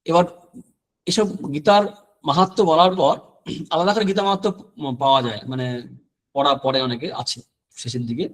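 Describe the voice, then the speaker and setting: A middle-aged man, a monk, giving a scripture discourse, chanting Sanskrit verses and explaining them line by line with frequent pauses and fillers. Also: medium pitch, low-quality recording.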